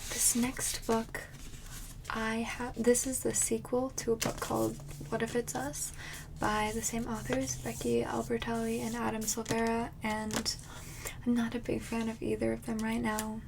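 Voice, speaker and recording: A woman in an ASMR role-play as a friendly librarian, chatting casually and haltingly in a soft, breathy soft voice. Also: level tone, noisy background. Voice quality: soft, breathy soft voice with some low voicing.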